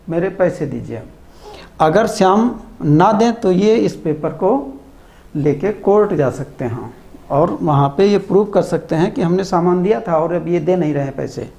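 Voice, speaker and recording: A man's voice: sits high, vocal fry, warm tone. A man teaching a commerce lesson, who repeats key terms and quizzes the listener. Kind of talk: classroom lecture.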